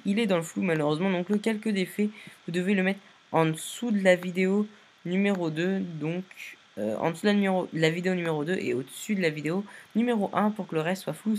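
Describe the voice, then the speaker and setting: Man, casual tutorial narration, tired, hesitant, restarts often, step-by-step. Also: high voice. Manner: hesitant, many fillers and restarts, step-by-step instructions. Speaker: video editing tutorial maker.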